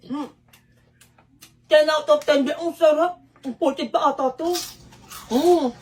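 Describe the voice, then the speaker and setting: A woman performing comedic sketches, talking in loud, quick, gossipy banter. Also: sits high, recorded from a distance. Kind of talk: comedic skits playing many characters.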